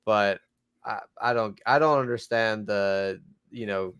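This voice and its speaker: A man's voice: lowish voice, a little slow, fairly bright tone, clear, resonant tone, no echo, highs cut off. A man co-hosting a soccer fan talk show, talking casually and earnestly, defending his team with many restarts. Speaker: podcast co-host.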